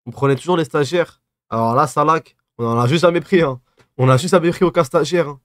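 A man's voice: fairly high pitch, brisk, a bit bright, no echo, clean studio sound. A man in his twenties with a lisp on his s sounds, chatting casually and teasingly as he reads and answers livestream comments in slangy banter. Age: 20s. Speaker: live streamer. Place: small dim room at a desk.

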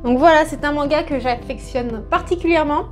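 A woman's voice: sits high, brisk, soft background music. A woman in her thirties casually presenting her new manga at home, chatty and full of hesitations. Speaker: book vlogger. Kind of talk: casual manga haul vlog. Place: home room in front of a bookshelf. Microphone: camera in front at mid-shot.

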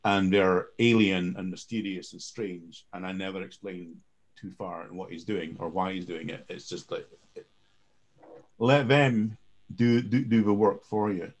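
A man on an online panel talking casually, halting and repeating words as he restarts. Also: low voice, steady tone. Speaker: panel speaker on game mastering.

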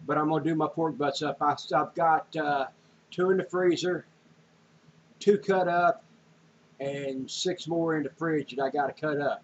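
Fairly high in pitch, an older man's voice carries a folksy, meandering vlog about groceries and canning, heavy on fillers. Slight background noise sits under the dull lo-fi sound from a webcam or handheld camera in a small home room.

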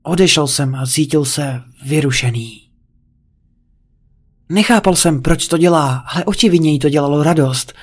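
Higher-voiced man reading a creepypasta. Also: slightly rough. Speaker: narrator. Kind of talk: creepypasta narration.

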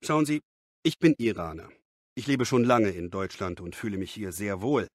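A man reading the part of an expert being interviewed in a scripted lesson dialogue, measured and explanatory. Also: on the low side, no room sound, clean studio sound.

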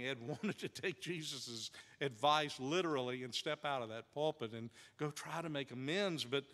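A male pastor telling a story in a sermon, dramatic, with hushed drops and shifting pace. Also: fairly high pitch, long reverb tail. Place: church sanctuary.

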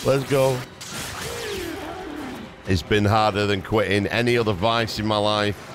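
Over background game music, a gaming YouTuber delivers casual, joking commentary with exclamations and tame replacements for curse words. His voice sits on the low side, with a steady tone and a measured pace.

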